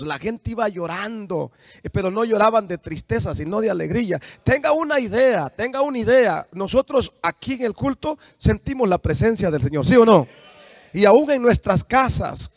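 A middle-aged Salvadoran man preaching a fervent sermon, speaking straight to his congregation and rising into shouts. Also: high-pitched, no echo, clean studio sound. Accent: Salvadoran Spanish.

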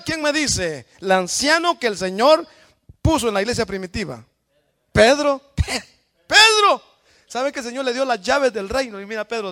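A male pastor with a very high, gravelly voice delivers a sermon. He alternates between shouted, fervent calls of praise and quiet, conversational asides to the congregation. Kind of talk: Pentecostal-style sermon.

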